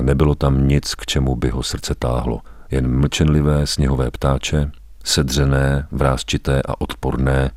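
A man reading a story aloud as a narrator, grave and measured, with weighty pauses. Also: very deep voice, a little mellow, dry recording, studio quality. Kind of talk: dramatic audiobook narration.

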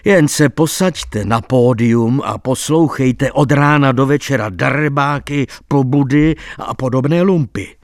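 A man reading an audiobook voices a lively male court clerk who relishes telling a scandalous tale. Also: mid-range voice, hardly any pauses, no room sound, clean studio sound, natural voice.

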